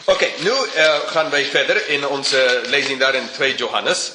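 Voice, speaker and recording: Chuckling preacher in a roomy hall. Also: male voice, medium pitch, unhurried. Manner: informal, chuckling, slightly broken grammar. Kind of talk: sermon. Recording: roomy hall with faint hum.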